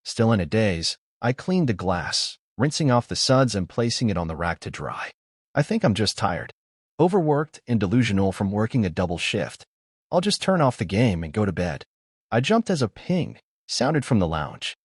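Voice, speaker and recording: A man reading a scripted horror story aloud as narrator, with a lively, expressive delivery. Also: lowish voice, moderate pace, breathy edge, no echo, studio quality.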